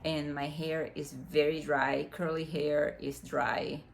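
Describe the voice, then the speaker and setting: A woman in her mid forties from the Dominican Republic, speaking with a Dominican accent as a native Spanish speaker, unboxes products for her beauty vlog in a relaxed, filler-filled way. Her low, creaky voice is slow and mostly flat in pitch. Faint street noise leaks in through a window beside her.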